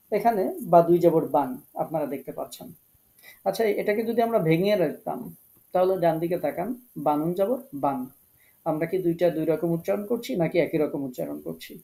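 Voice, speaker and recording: Patient male tajweed teacher, mellow voice. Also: on the high side, creaky, rough recording. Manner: patient, explanatory, repeats key points slowly. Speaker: Quran recitation teacher. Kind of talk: online tajweed class lecture.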